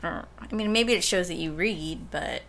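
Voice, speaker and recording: A woman's voice: on the low side, a little slow, a bit bright, slight background noise. A woman who works as a librarian, chatting casually and laughing often. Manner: giggly, rambling. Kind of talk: casual chat.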